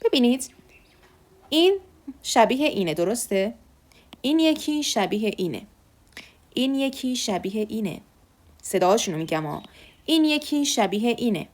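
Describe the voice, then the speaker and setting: A woman teaching Korean letters, patiently repeating each sound slowly. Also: mid-range voice. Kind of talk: online alphabet lesson.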